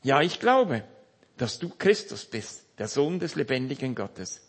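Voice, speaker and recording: A male preacher giving a sermon, slow and emphatic, who rises to loud outbursts and drops to hushed near-whispers. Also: mid-range voice, sing-song, husky.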